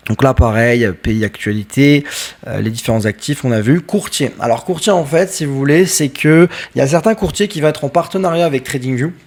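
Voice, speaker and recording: A man talks viewers through trading software in a relaxed screen-share tutorial. He speaks at a middle pitch and keeps it casual and direct, with plenty of fillers as he goes. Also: moderate pace. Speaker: trading educator.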